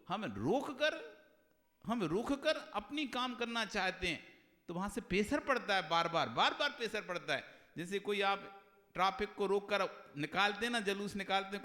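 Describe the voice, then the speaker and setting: A man preaches slowly in a devotional sermon, his fairly high, bright voice ringing through a hall with a long reverb. He drops to hushed low asides, then climbs to loud, lively calls that repeat each phrase. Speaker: Jain monk preacher.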